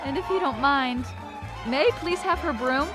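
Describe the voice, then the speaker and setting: A woman's voice: sits high, normal speed, over loud music, natural voice. A teenage girl playing an innocent, earnest young girl in a stage play, pleading and good-hearted. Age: teens. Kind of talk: high school stage play acting.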